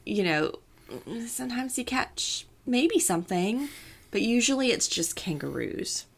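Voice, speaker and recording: A woman's voice: fairly high pitch, very animated, a little slow, creaky. Playful woman telling a podcast story. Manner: chatty, playful storytelling with asides and laughs. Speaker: podcast co-host. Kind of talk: casual podcast chat.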